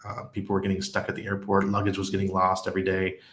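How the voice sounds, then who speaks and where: A livestream host in his forties from Western New York chats casually with his audience, reading viewer comments aloud and chuckling often, in a Western New York accent. His voice is low-pitched and a bit bright, his delivery fast and completely flat. He sits in a small home room lit by neon shelf lights, with a desk mic on a stand beside him, and the room sounds echoey.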